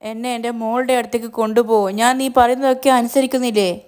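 A woman voicing a distraught captive mother pleading for her daughter and accusing her captor, in a smooth voice. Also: a little high, fairly even intonation, brisk, a little mellow, lightly acted.

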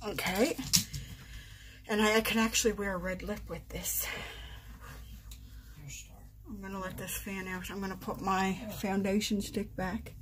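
Her mid-range voice is flat and unhurried with frequent pauses, against background noise. A vlogger in her forties, she does her makeup on camera in her bedroom, chatting casually, teasing herself, and describing each step.

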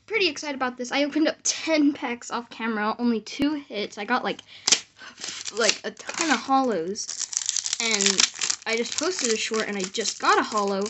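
A woman's voice: a little high, animated, normal speed, fairly bright tone. A woman giving casual commentary as she hosts a card-opening vlog. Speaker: card-opening video host. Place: small indoor room at home. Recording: clearly noisy, card wrapper crinkling. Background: noise, crinkling and clicks of card packs.

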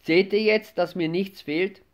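A man's voice: high voice, fairly even intonation, unhurried, voice pushed up. A man voicing a troubled, haunted man in an audiobook, uneasy and subdued.

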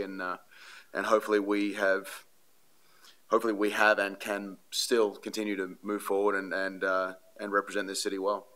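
An Australian baseball pitcher with a low-pitched, pushed and bright voice fields reporters' questions at a postgame press conference. He stands at a podium with podium microphones in a press room before a sponsor backdrop, rambling earnestly with many fillers and restarts.

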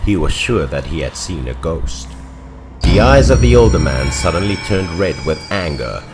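A man's voice: lively intonation, normal speed, over music. A man narrating a horror story in a scripted, dramatic storytelling manner. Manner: dramatic storytelling with swings in pitch and loudness.

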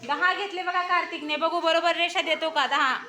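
A woman teaching a class of young children, coaxing and praising them and urging them to answer loudly. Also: extremely high pitch, fairly even intonation, fairly quick. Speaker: primary school teacher. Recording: noisy classroom recording.

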